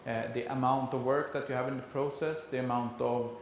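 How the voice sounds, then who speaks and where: A man's voice: medium pitch, fairly even intonation, brisk. Swedish-accented man presenting in an echoey room. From Sweden. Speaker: conference speaker. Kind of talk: conference presentation. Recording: very echoey room, faint background noise.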